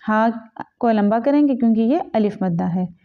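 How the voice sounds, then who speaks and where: A woman teaching Quran recitation, chanting each word slowly and then explaining the rules quickly in a lower voice. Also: animated. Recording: tinny phone-like audio.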